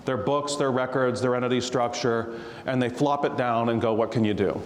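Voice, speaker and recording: With a mid-range voice, fairly even intonation and normal speed, a real estate tax attorney jokes, tells stories and lays out tax rules for a live audience, laughing often. A little hiss or hum sits under the roomy hall reverb.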